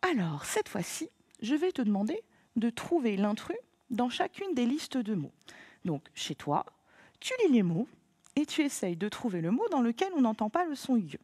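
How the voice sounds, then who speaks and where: A woman teaching a phonics lesson to children, patient and encouraging, spelling out sounds slowly. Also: on the high side, sing-song, dark tone, breathy edge, no room sound, studio quality.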